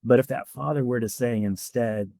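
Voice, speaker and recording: With a mellow, mid-range voice touched by vocal fry, this podcast guest, whose work is debriefing fieldworkers, talks at a normal speed. He explains his ideas earnestly through stories in a conversational interview. He's close-miked, with no audible room sound.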